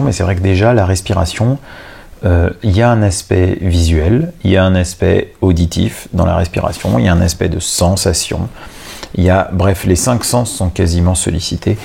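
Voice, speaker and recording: A man calmly leading a guided breathing exercise, speaking in measured short phrases with pauses. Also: low-pitched, vocal fry, a little hiss or hum. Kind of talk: guided relaxation instruction.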